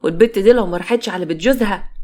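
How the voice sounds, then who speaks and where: A stern, hot-tempered uncle from Upper Egypt, voiced by a woman storyteller with an Egyptian accent. He speaks quickly and suspiciously, laying down threats in a domineering tone. A middle-aged man in a spoken storybook. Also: medium pitch, a little mellow, natural voice. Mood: suspicious, threatening.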